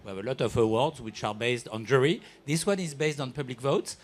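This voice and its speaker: A man's voice: medium pitch, animated, a little fast. A man introducing part of an awards ceremony, speaking loosely and searching for words. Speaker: ceremony presenter.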